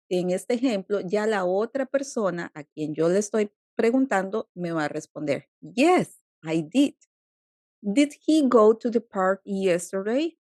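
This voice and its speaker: Slow, mellow-voiced woman teaching grammar. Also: mid-range voice, dry recording, studio quality. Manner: patient, deliberate explaining with repeated examples. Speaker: English teacher. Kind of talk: slow, clear grammar lesson.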